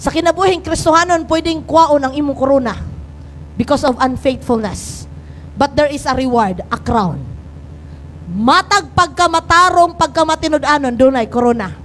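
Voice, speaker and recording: A woman pastor preaching a sermon in a mix of Cebuano and English. She swings between excited, high exhortation and low, earnest passages, and she calls on the congregation to repeat key words. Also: normal speed, slight background noise, low-quality recording. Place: church sanctuary.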